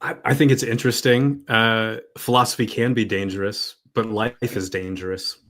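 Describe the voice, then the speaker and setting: A male guest answering in an interview over a video call, relaxed and a little hesitant. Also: on the low side, measured pace. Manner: relaxed, hesitant, self-deprecating. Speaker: guest scholar.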